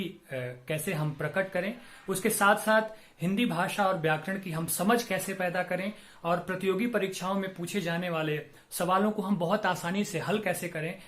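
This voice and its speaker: A middle-aged man, a Hindi professor, giving a classroom-style lecture on pronunciation, spelling out each sound slowly and carefully. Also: sits high, echoey room. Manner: slow, deliberate, drawn-out enunciation of sounds. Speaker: Hindi professor teaching grammar.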